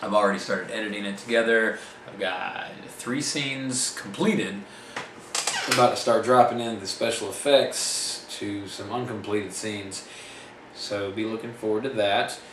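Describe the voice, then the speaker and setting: Low-voiced man rambling in an echoey room. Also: unhurried. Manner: rambling, self-correcting, plain-spoken. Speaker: independent filmmaker. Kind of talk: casual vlog update. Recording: echoey room mic from a distance with noise.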